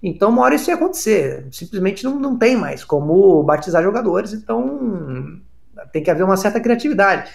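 Deadpan comic sports host, mock-formal tone, lively pitch, gravelly edge. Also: male voice, brisk. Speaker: comedy show host.

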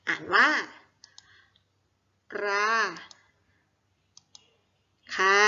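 A woman's voice: a little high, pushed and bright, lo-fi sound. A woman teacher leading a primary school lesson, reading exercises aloud syllable by syllable and asking the students questions.

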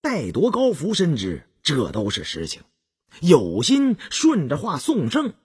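Husky man narrating a historical story. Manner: expressive, swinging pitch, slow delivery. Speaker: audiobook narrator.

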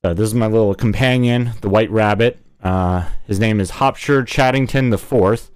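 A man streaming from home in casual chat, jokey and animated, talking to his viewers and his pets. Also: on the low side, normal speed, clear, resonant tone. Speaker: streamer and voice actor. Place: at home, indoors.

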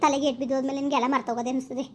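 Woman playing a bossy middle-aged village aunt; rural Kannada accent, level monotone lecture. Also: high-pitched, racing, slight background noise, natural voice. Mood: lecturing. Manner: bossy, lecturing, repeats warnings. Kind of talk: village skit acting.

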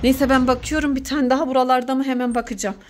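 Playful and teasing, a mother in her thirties runs a family vlog, sounding excitable and pretending to be scared. She has a high voice and talks fast.

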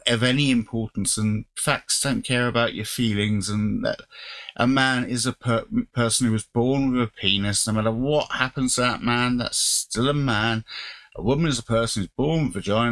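Male host, lowish voice, unscripted opinion monologue with frequent restarts. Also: fairly bright tone.

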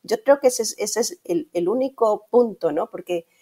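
On a video call from a room at home, a middle-aged woman with a Castilian Spanish accent is interviewed as a guest who manages in the radio industry. Her medium-pitched voice is dark with a breathy edge, and she explains things conversationally at normal speed, often ending phrases with tag questions.

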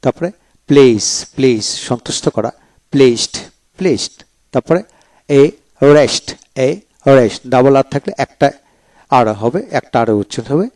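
A man, teaching English verbs in a slow read-aloud vocabulary lesson. He says each word twice, then gives its meaning, in a measured recital. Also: mid-range voice, darkish tone.

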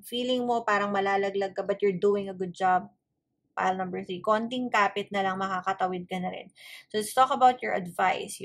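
A woman's voice: mid-range voice, a bit bright. Filipino woman switching English and Tagalog midsentence. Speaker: tarot card reader. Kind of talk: casual tarot reading to viewers. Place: indoors at a wooden table, hands and cards seen from above.

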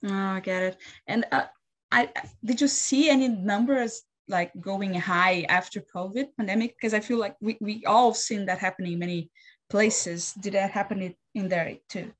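A woman in her thirties interviewing over a video call on a headset, reacting warmly and asking questions with some hesitation. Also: mid-range voice, moderate pace.

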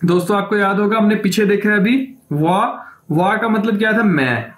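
A man teaching a language lesson, stretching out each new word slowly and quizzing the viewer with questions he answers himself. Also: high-pitched, a bit bright, roomy sound. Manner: slow drawn-out repetition of words; asks the viewer questions, then answers them. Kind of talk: classroom lesson explanation.

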